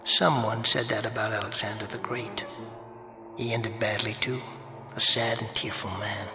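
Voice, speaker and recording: In a radio drama, a male actor with a lowish voice plays a calm, sardonic, otherworldly judge, delivering measured, formal, mocking lines. The mood is ominous, with long echoing reverb and music in the background.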